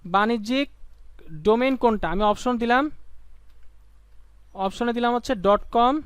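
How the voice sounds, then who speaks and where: Young bangladeshi guy teaching online, really high voice, dry and clean, keeps making students shout answers. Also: unhurried, clean tone, no room sound. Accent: Bangladeshi Bengali. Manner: calls on students to shout answers, drills by repetition; playful, slips into sung lines and mock phrases. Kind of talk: live online class lecture.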